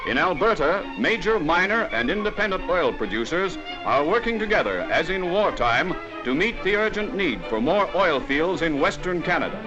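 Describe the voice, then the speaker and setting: A man reading scripted narration for an old newsreel in a brisk, formal announcing manner. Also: sits high, very animated. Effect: old newsreel sound. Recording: dull lo-fi 1940s newsreel soundtrack with music.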